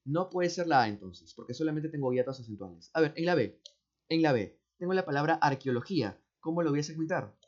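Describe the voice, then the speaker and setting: A man with a Peruvian accent explains exam answers step by step, speaking slowly, repeating words and often checking with "¿no?" or "¿cierto?". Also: on the high side, animated, a little mellow. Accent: Peruvian Spanish. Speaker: teacher. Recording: dull, muffled audio.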